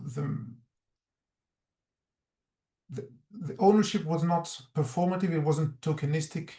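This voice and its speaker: Halting, reflective man with a gravelly voice. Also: on the high side, a little mellow, reverberant. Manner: earnest, reflective, many restarts. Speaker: researcher presenting findings. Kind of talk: webinar presentation.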